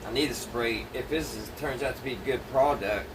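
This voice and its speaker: This DIY vlogger talks a little fast at medium pitch, casually describing his hands-on work in a plain, folksy manner as he thinks it through. Recorded by a distant phone camera, the audio is noisy with a persistent background hum.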